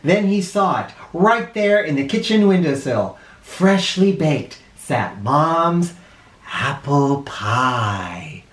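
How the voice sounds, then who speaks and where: Reading a children's story aloud as host, a man performs it playfully and theatrically, adding asides along the way. His fairly high, slightly bright voice is animated but slow-paced, and the sound carries a roomy echo.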